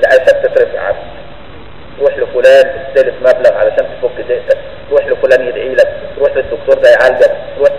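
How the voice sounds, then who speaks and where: A man's voice: mid-range voice, darkish tone, echoey room, in a large hall, a little hiss or hum, rough recording. A man with an Egyptian Arabic accent giving a colloquial religious lesson. He keeps asking his listeners whether they understood. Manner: conversational, keeps checking understanding. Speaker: religious teacher.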